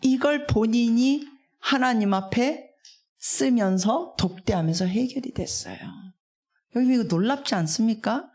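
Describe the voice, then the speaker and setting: A woman, a guest missionary, preaching a revival sermon as an animated storyteller who acts out the people in her stories and coaxes the congregation to respond. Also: a little high, unhurried. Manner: animated, acts out quoted speech.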